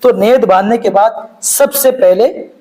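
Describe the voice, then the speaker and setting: High-voiced man teaching prayer steps. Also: a little slow, mellow, rough recording. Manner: patient, repetitive, often checks understanding with "okay". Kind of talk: step-by-step instructional demonstration.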